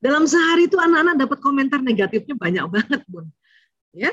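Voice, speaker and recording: A woman gives a chatty parenting talk, speaking straight to the mothers listening. Her voice sits fairly high and sounds dry and close. The online recording is dull and lo-fi. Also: sing-song, fast, a bit bright, dry recording. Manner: chatty, addresses mothers directly, acts out parent and child quotes.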